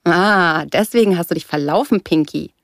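A woman's voice: on the low side, moderate pace, dry recording, clean studio sound, close to an everyday voice. A woman reading aloud and voicing a cocky young male surfer who mocks a girl he has pulled from the water. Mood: teasing. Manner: smug, mocking.

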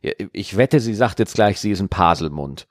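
A man's voice: on the low side, expressive, moderate pace, no room sound. Guy cohosting a chatty podcast, jokey and teasing, voice swings all over the place, dry close sound. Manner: joking, teasing, exaggerated reactions. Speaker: podcast co-host. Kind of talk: casual chat, reading out a listener mail.

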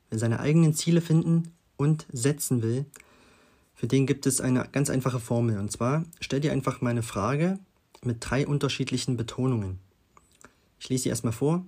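A man's voice: mid-range voice, mellow. A young man hosting a self-help podcast, talking loosely and chattily with lots of fillers and little tag questions. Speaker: podcast host.

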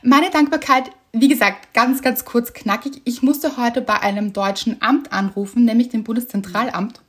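A woman co-hosting a podcast in casual chat, telling a story with animated delight and frequent laughter. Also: fairly high pitch, moderate pace, breathy edge. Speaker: podcast co-host.

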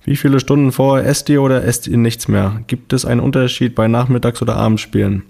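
Male podcast co-host, mid-pitched, reads listener mail, dry teasing banter. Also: fairly even intonation, fast, creaky, darkish tone, breathy edge. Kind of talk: casual podcast chat, reading listener questions.

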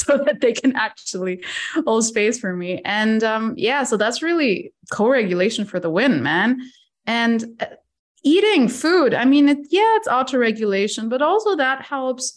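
Animated woman life coach talking. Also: fairly high pitch. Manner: animated, laughs often. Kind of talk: casual interview chat.

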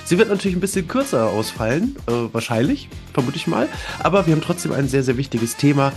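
Male podcast host, mid-pitched, stuffed up with a cold; informal, emphatic coaching delivery straight to the listener. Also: big pitch swings, fast talker, soft background music. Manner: emphatic, conversational coaching with rhetorical questions. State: congested with a cold. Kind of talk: informal solo podcast talk, addressing listeners directly.

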